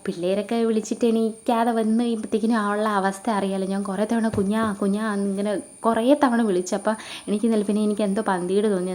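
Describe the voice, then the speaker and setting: A woman's voice: medium pitch, a little mellow. A young woman with a Kerala Malayalam accent, retelling a family scare in a casual vlog, full of fillers and asides to her viewers. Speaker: vlogger.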